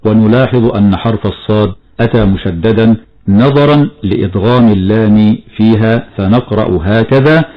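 A man's voice: lowish voice, muffled recording. Man teaching Quran recitation rules. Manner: measured explanation, slow drawn-out recitation of examples. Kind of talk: tajweed lesson with recited examples.

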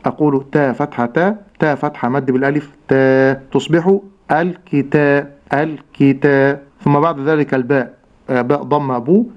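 Patient male Quran teacher, dull sound. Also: mid-range voice. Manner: patient, drawn-out model pronunciations. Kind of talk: step-by-step tajweed instruction.

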